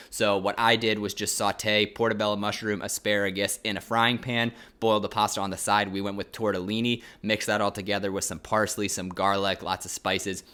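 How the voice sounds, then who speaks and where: A man records a casual vlog update about his routine. His voice sits on the low side but has a bright, forceful edge. He is chatty and upbeat, explaining things plainly to his viewers. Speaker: running vlogger.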